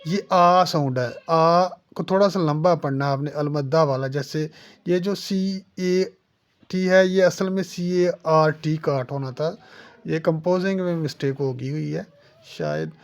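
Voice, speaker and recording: A woman gives a phonetics lesson in a low-pitched voice, taking her time over each vowel. She models example words one after another with patient repetition and calls the learner dear student. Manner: patient, demonstrates sounds by slowly repeating example words. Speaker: English teacher.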